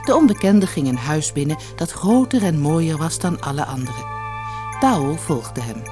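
A woman reading a fairy tale aloud as a storyteller, with an expressive, gently varied delivery. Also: sits low, measured pace. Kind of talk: storybook narration for children. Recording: audiobook with soft music behind. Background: faint music.

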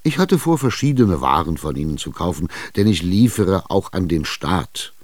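A man's voice: sits low, big pitch swings, moderate pace, no room sound. A man playing a pushy, exasperated schemer. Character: impatient, scheming middle-aged male buyer. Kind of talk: radio drama reading.

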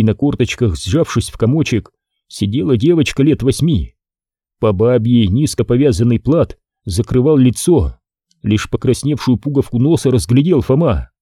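A man narrating a historical novel in a measured, expressive reading. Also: medium pitch, slightly rough, dry recording, studio quality. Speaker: audiobook narrator.

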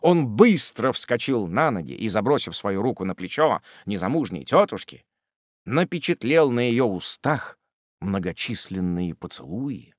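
A man narrating a classic novel as an audiobook reader, in an expressive, measured storytelling manner. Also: on the low side, no room sound, studio quality.

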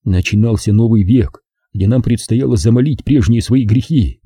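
Husky, dark-voiced male audiobook narrator. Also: on the low side, normal speed, no echo, studio quality. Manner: expressive storytelling with acted dialogue. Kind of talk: first-person audiobook narration.

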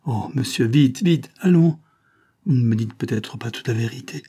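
A man's voice: medium pitch, fairly even intonation, quick pace, warm tone, breathy edge. A man voicing a frightened young woman who pleads anxiously in a raised, breathless voice. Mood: frantic.

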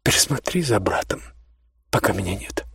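A man's voice: on the low side, lively intonation, moderate pace, vocal fry, a bit bright, husky, no room sound, clean studio sound, exaggerated voice. A curt, cold mother, read by a man. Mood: stern. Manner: curt, dismissive. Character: strict tired mother, middle-aged woman, cold.

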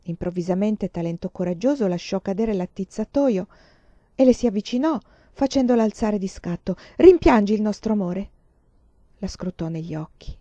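A woman reads a novel aloud at a calm, measured pace. Her voice is warm and mellow, recorded close and dry, with a slightly dull, lo-fi sound. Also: medium pitch, dry recording. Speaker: reader. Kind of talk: storybook narration.

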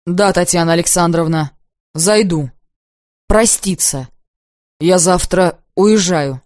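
A woman voicing an earnest, straightforward young man who speaks in a halting, plain-spoken way. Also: fairly low pitch, a little mellow, no echo, clean studio sound, voice pushed down. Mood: dejected.

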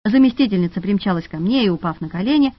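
A woman narrating an audiobook in a lively, expressive reading, in a dull, dry studio recording. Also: medium pitch, fast, husky, dry recording.

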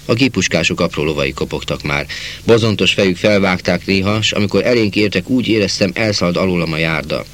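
A man narrating a literary novel in a measured reading voice, slowing down for quiet passages. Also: deep voice, a little hiss or hum. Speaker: audiobook narrator.

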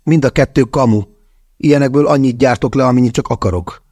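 A man's voice: mid-range voice, darkish tone, no room sound, studio quality, voice pushed up, natural voice. A man voicing a crude, mocking young male skeptic in an audiobook. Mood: scornful. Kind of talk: audiobook character voice.

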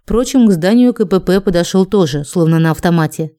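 A woman narrating an audiobook in a measured, expressive manner. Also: fairly low pitch.

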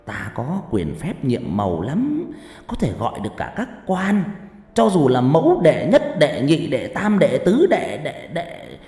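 A self-important fake spirit medium, as a male storyteller puts him on, a middle-aged man who brags endlessly through a pinched, nasal voice. His voice climbs high and loud as he crows about his powers. The recording is roomy and reverberant, with faint music behind. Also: huge pitch swings, measured pace, heavily acted. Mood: boastful. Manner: pompous, bragging, talks on and on.

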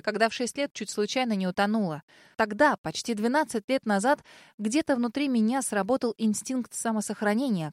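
Expressive woman reading a fantasy audiobook. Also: medium pitch, dry recording, studio quality. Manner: lively, expressive storytelling. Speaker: audiobook narrator. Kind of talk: first-person fantasy audiobook narration.

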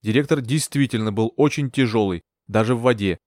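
Male audiobook narrator, measured first-person reading, mid pitch. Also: a little mellow, no echo, studio quality. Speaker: audiobook reader.

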